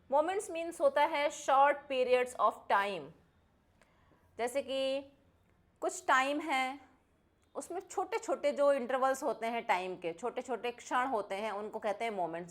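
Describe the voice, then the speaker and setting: Woman teaching kids vocabulary. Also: on the high side. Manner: mixes Hindi and English, reads English sentences slowly and deliberately. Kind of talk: children's vocabulary lesson.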